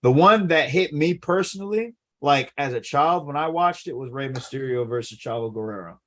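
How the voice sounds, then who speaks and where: A man co-hosting a podcast, talking casually and excitedly about wrestling, with many filler words. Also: on the high side, moderate pace. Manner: animated, lots of "like" fillers. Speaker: podcast co-host.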